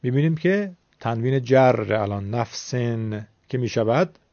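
A man's voice: mid-range voice, darkish tone, no room sound, highs cut off. A man teaching Quran recitation rules, explaining step by step and modelling how each word is pronounced. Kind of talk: instructional lesson.

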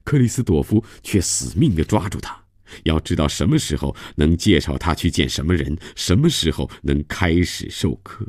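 Deep-voiced male storyteller. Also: no echo, studio quality. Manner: steady, measured storytelling. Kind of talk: scripted novel narration. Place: radio studio.

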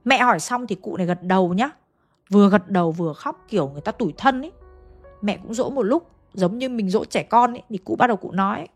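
A woman's voice: medium pitch, fast, husky, faint music behind. A woman narrating a ghost story in a casual, chatty way, speaking directly to her listeners with folksy asides.

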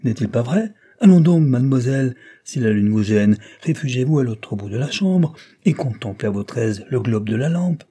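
A man voicing an irritable elderly judge with a loud, angry manner, as part of a novel reading. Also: moderate pace, creaky, few pauses, husky. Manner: angry and booming.

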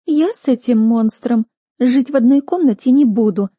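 A woman's voice: fairly high pitch, steady tone, normal speed, warm tone, no room sound, studio quality, voice pushed up, close to an everyday voice. A woman voicing a catty, mocking young woman who sneers and shrills at a rival, in an audiobook. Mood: sneering.

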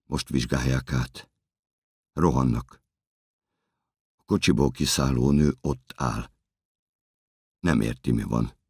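An actor performing an audiobook monologue as a desperate, obsessive man in a security booth, speaking in terse fragments that break into shouting. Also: very deep voice, pauses often, breathy edge, dry recording, studio quality. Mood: tense.

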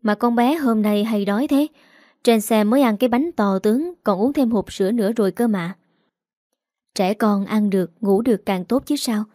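Woman voicing a doting young husband, teasing and coaxing, warm dry read. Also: a little high, moderate pace, no room sound, lightly acted.

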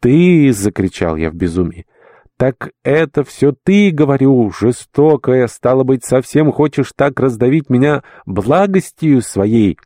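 A man's voice: mid-range voice, animated, measured pace, mellow, dry recording, clean studio sound, voice pushed up. A man reading an audiobook, voicing a humble, sentimental elderly male dwarf servant who talks in a fussy, obsequious, old-fashioned polite way. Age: older. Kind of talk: audiobook character voice.

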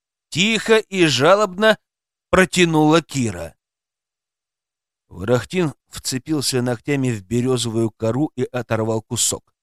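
A man narrating an audiobook with a lively, dramatic delivery. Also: mid-range voice, unhurried, no echo, clean studio sound.

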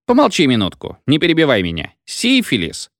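In a medium-pitched voice with big pitch swings and a moderate pace, a man plays a drunken, pompous village medic who lectures in a rambling, hiccuping sing-song. The pitch is above his own voice but close to an everyday one, and the recording is dry, clean studio sound.

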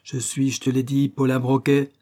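Guy reading as a take-charge detective, firm and soothing, pitched up a bit, mellow warm tone, audiobook. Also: monotone, moderate pace, close to an everyday voice. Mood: urgent, firm. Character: commanding, reassuring male detective, middle-aged.

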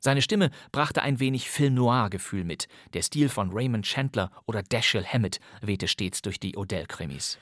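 A man's voice: lowish voice, lively intonation, moderate pace, few pauses, fairly bright tone, no room sound. A man hosting a programme with scripted narration, in a studio. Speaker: host and narrator. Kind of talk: scripted narration about old radio dramas. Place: dry studio with music behind.

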